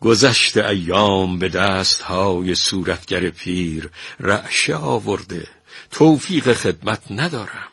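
A man voicing an elderly master painter who answers quietly and with dry defiance, husky-voiced. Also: mid-range voice, no echo, voice pushed up, heavily acted. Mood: calm. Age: older. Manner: quiet, measured, dryly defiant. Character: elderly male master painter, calm and wry.

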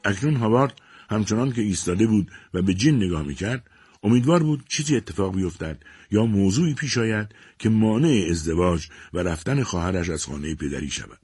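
Male audiobook narrator: very low, animated delivery, measured, close dry sound. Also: husky, no echo. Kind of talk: scripted story narration.

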